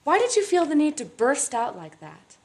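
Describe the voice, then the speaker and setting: A woman's voice: high voice, huge pitch swings, moderate pace, exaggerated voice. An actress playing an inexperienced woman therapist leading a support group, with earnest, probing questions. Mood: coaxing.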